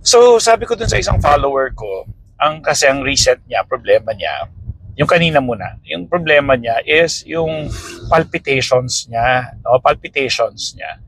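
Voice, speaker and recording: A man's voice: mid-range voice, animated, moderate pace, a bit bright, a little hiss or hum, poor audio. A man hosting a casual health explainer talk, conversational, checking in with his listeners often. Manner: conversational, peppers with "okay?" and "no?".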